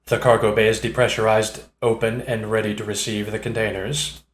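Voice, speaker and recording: A man voicing a calm, polite male ship computer with a pleasant, formal manner. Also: fairly low pitch, fairly quick, lightly acted. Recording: roomy echo.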